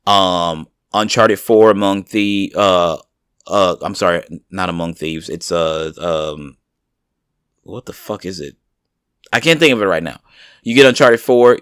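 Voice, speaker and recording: A man with a fairly low voice hosts a casual gaming show. He talks animatedly, retells conversations and swears freely. The sound is dry and close. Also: fairly bright tone, no room sound. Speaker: podcast host.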